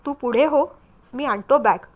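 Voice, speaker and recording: A caring but stern young divorced man in a storybook reading, as a woman narrator voices him. He speaks firmly, with concern under the scolding. The voice sits high. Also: unhurried.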